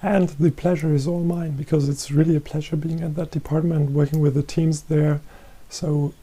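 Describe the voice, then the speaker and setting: A middle-aged man giving a recorded presentation as head of a research chair, explaining calmly and repeating himself. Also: fairly high pitch, normal speed, breathy edge. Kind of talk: presentation lecture. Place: green-screen studio.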